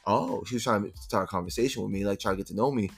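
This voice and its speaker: A young man from Philadelphia with a fairly low voice tells animated stories as a podcast host, cursing freely. Quiet music plays faintly underneath. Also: rapid-fire, gravelly, husky. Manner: animated storyteller, swears freely. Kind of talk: casual chat.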